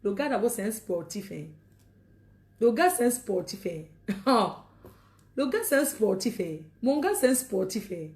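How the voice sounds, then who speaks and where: Slow-talking bawdy woman in an echoey room. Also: medium pitch, sing-song, a little mellow. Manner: bawdy, laughing, exclaiming "aïe, maman". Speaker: live-stream host selling products. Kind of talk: raunchy casual live chat.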